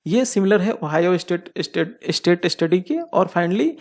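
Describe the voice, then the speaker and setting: A man's voice: high-pitched, lively intonation, moderate pace, a little mellow. A man teaching a lecture, posing questions and answering them himself while often checking in with his students. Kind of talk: explanatory lecture.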